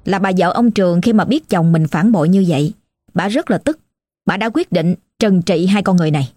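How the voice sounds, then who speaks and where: A woman's voice: on the low side, lively intonation, a little fast, dark tone, dry recording, clean studio sound. Southern Vietnamese woman telling ghost stories. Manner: chatty, dramatic, addresses the listener directly. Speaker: storyteller. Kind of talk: conversational ghost story narration.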